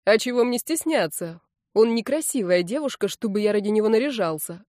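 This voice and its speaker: A woman's voice: medium pitch, lively intonation, fairly quick, darkish tone, no echo, studio quality, natural voice. A woman voicing a brash, mocking young male musician with a sarcastic, insolent manner. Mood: defiant.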